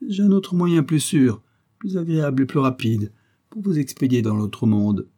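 A man's voice: mid-range voice, lively intonation, normal speed, warm tone, voice pushed up, lightly acted. A man reading a storybook voicing a sneering villainous gang leader who taunts with false politeness. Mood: taunting. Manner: mocking, hypocritically polite.

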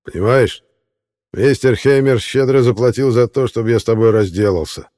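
A man voicing a gloating bearded hitman in an audiobook, speaking higher and louder than his narration with a dark, mellow tone. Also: moderate pace, close to an everyday voice. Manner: gloating, then panicked pleading. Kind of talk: audiobook character reading.

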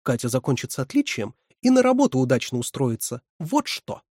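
A man voicing a young, bossy female camp counselor who scolds and commands, with a husky voice. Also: rumbling low, big pitch swings, a little fast, darkish tone, no echo, clean studio sound, full character voice. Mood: scolding.

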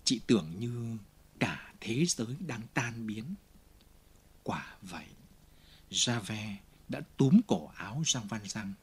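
A male audiobook narrator with a slightly husky voice gives a dramatic reading. His pitch rises and falls widely as he builds tension. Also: animated, slow.

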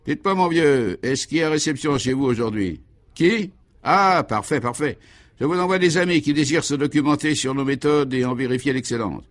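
A man voicing a fussy, self-satisfied police prefect in a vintage radio play, speaking in a brisk, overly polite manner. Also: medium pitch, voice pushed up, close to an everyday voice. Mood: obliging.

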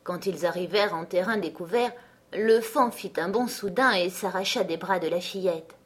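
A woman reading a storybook aloud as narrator, calm, measured and expressive. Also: lowish voice, breathy edge. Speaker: audiobook narrator.

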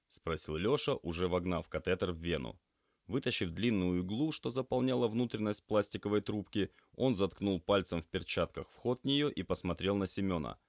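A man narrating a story in an even, measured reading voice. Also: low-pitched, gravelly, dry recording, clean studio sound. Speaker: audiobook narrator. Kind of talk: scripted narration.

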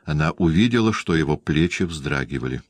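A man narrating a literary novel in a measured, even storytelling voice. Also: rumbling low, no room sound. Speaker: audiobook narrator.

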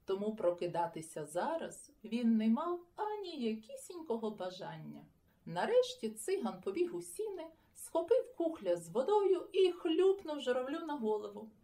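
A woman reading a children's story aloud with an expressive, lively storytelling manner. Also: fairly high pitch. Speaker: audiobook reader. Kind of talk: children's audiobook narration.

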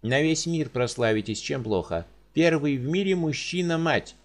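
A man voicing a pompous, fussy middle-aged male doctor with a high, hedging way of talking. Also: normal speed, close to an everyday voice.

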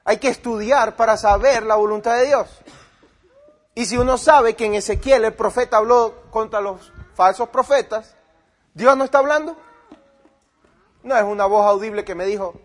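A man with a high-pitched voice preaches at a normal speed, telling a sermon-style story about arguing with another pastor. He quotes the dialogue from both sides, his volume swinging between loud and quiet.

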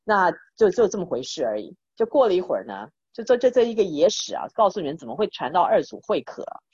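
A woman's voice: fairly low pitch, big pitch swings, quick pace, darkish tone, breathy edge, dry recording. A woman teaching a Buddhist text through chatty storytelling full of fillers, in a dull, dry recording. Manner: chatty, many fillers and restarts, addresses listeners. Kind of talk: casual storytelling lesson.

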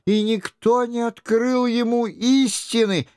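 Young noblewoman, frightened and gentle, anxious, read by a man. Storybook reading. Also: extremely high pitch, fairly even intonation, slow, clear, resonant tone, dry recording, studio quality, voice pushed up. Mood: alarmed.

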